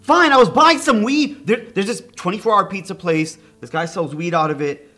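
A man's voice: sits low, normal speed, fairly bright tone, soft background music. A middle-aged man acting as a nervous, awkward witness under police questioning, hesitant, evasive and rambling. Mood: frantic. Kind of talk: naturalistic screen acting, interrogation scene.

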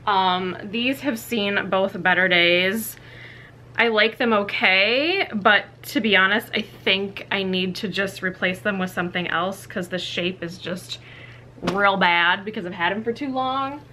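A young woman speaks a little slowly in a medium-pitched, bright, forceful voice, with slight background noise behind her. Filming a casual clean-out vlog in a small walk-in closet, she chats candidly to a camera on a tripod a few feet away, heavy on "like" and "you know."

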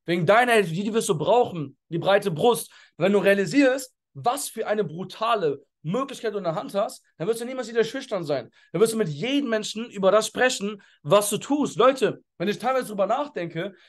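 A man coaching a group on a video call, energetic and pushy, peppering his talk with slang and English words. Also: high-pitched, brisk, hardly any pauses. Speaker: network marketing mentor.

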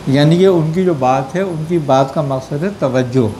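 High-voiced man teaching a spiritual gathering. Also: warm tone, a little hiss or hum. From Pakistan. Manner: checks understanding with rhetorical questions. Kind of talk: religious discourse answering questions.

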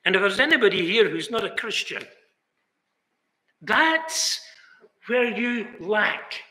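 Slow and sing-song, the high, sharp voice belongs to an older British man preaching earnestly in a chapel, rising at times to exclamations. A fixed camera captures him in a seated mid shot in the echoing indoor hall.

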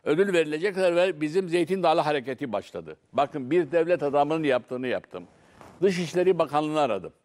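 This older man sits on a TV studio panel and argues hard, speaking a little higher than most men. He keeps interrupting and repeating his appeals to listen. His delivery stays insistent and combative. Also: animated, moderate pace, a little mellow. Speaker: political panel guest. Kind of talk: heated televised panel debate.

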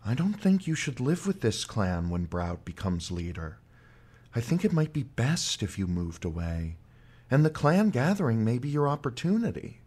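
A man voicing an old mother and medicine woman who comforts her daughter calmly and steadily. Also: mid-range voice, normal speed, husky. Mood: soothing.

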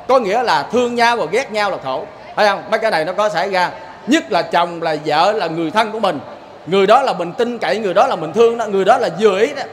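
Southern vietnamese guy preaching, high voice, folksy, keeps asking the crowd if they see, faint hum behind. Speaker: Buddhist lay preacher. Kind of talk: sermon with storytelling.

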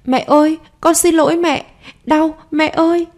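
A woman's voice: steady tone, moderate pace, a little mellow. A woman puts on a small boy's voice in a storybook audio drama, lifted well above her usual register. He sounds frightened and close to tears, his words pleading and strained. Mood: tearful. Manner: high, tearful pleading. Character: young boy, frightened and crying.

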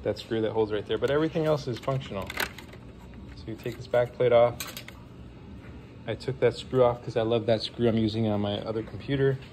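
Sniffling, a console-modding vlogger in his forties talks casually and eagerly as he disassembles the hardware at his home desk, rambling and apologizing along the way. His medium-pitched voice is dark and brisk, and some faint background noise is present.

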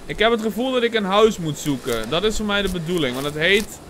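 A man giving excitable horror game commentary, jumpy and quick to yelp and shout when startled, laughing often as he plays. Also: high-pitched, a little hiss or hum. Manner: laughs often while talking. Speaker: let's play gamer.

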